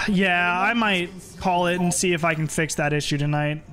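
A streamer chatting casually with friends while playing, excitable, swearing and singing snatches to themself. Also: medium pitch, moderate pace, soft background music. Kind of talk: casual gaming chat with friends.

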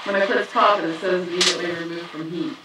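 A woman's voice: lowish voice, fairly even intonation, fast. A woman chatting casually with family while making popcorn in a home kitchen, heard on an old home-video tape. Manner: reading cooking instructions aloud. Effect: old home-video tape recording. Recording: echoey, distant, noisy old camcorder tape.

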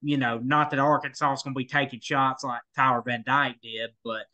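Brisk, bright, and forceful, this man's mid-range voice shows little pitch movement. As co-host of a college football podcast, he talks sports casually and rambles, restarting often and filling gaps with fillers.

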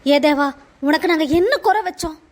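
This is a stern, scheming middle-aged aunt in a cartoon family drama, voiced by a woman. Her voice sits high, and her scolding runs melodramatic. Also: moderate pace. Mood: angry reproach.

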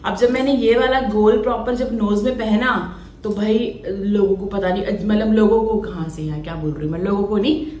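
A woman in her thirties chatting casually in a home vlog, talking to viewers and scolding her pets in a high, loud voice. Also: fairly quick, reverberant, a little hiss or hum. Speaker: vlogger.

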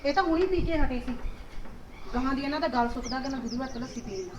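A woman's voice: high voice, quick pace, a little mellow, slightly rough, lo-fi sound. A woman acting in a village drama, talking sharply and scolding.

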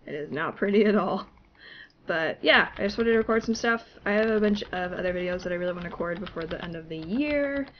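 Her voice is on the low side, expressive, and quick, though congested from a cold and muffled in the recording. This gaming YouTuber chats casually while playing, laughing in a self-deprecating way, using a desktop mic with no webcam.

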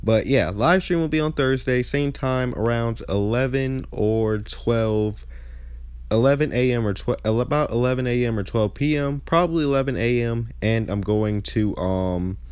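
This young gaming-channel host chats casually over gameplay in a mid-range, slightly mellow voice at normal speed. He's congested, so he sounds nasal and stuffed-up, and he often loses his train of thought. The tone is clean, with no echo.

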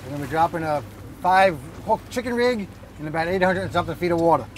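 A middle-aged man, co-host of a fishing vlog, chats casually to camera on a fishing boat at sea, joking and teasing. His voice is a little high and fast, with a bit of hiss or hum and music in the background.

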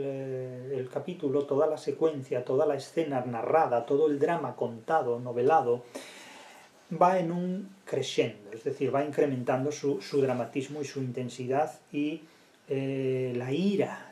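A man's voice: mid-range voice, unhurried, warm tone, reverberant. A man giving an academic literature lecture and reading passages aloud, digressive and full of rhetorical questions.

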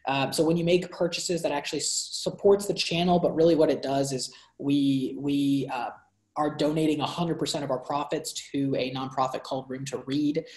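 A young man with a fairly high voice speaks at a moderate pace, co-hosting a book review over a video call and gesturing animatedly with his hands. His talk is casual, full of fillers and restarts. He's in a bright room at home, picked up by a laptop mic with a roomy echo.

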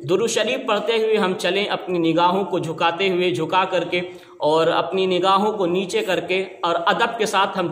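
Male preacher, high bright voice, emphatic and argumentative, roomy echo with long reverb. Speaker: Islamic preacher. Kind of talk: religious lecture to camera. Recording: echoey room with long reverb.

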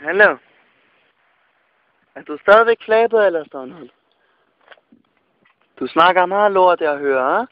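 Deadpan male prank caller, phone-filtered, dry. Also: sits high, pauses often, no echo. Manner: deadpan, nonsensical, repetitive. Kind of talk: prank call. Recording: tinny phone line.

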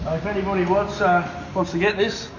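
A man's voice: high-pitched, fast talker, far from the mic. A middle-aged Australian man chatting cheerily as he unboxes parts in a motorcycle shop. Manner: excitable, cheery whoops. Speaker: shop owner and channel host. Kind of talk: casual unboxing chat. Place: motorcycle shop showroom by open doors. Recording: roomy, muffled, with loud background noise.

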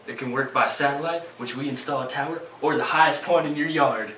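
A man's voice: medium pitch, fairly quick, fairly bright tone, slight background noise, natural voice. A young man acts out a hard sell infomercial salesman with a slightly stilted, homemade delivery. The sound is echoey and a bit distant, as from a camera in a small bare room. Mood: salesy. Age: teens to young adult. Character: older salesman pitching a gadget to a boy. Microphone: camera a few feet away.

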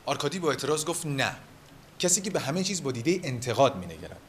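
An actor playing a man who reads a novel aloud in a measured, expressive way to a gathering. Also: mid-range voice, a little hiss or hum, natural voice. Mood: reading. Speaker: reader at a literary gathering.

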